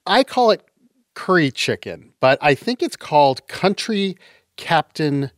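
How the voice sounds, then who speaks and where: A man's voice: a little high, sing-song, measured pace, no room sound. Dry, matter-of-fact man in casual chat. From Canada, raised in Utah. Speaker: podcast co-host.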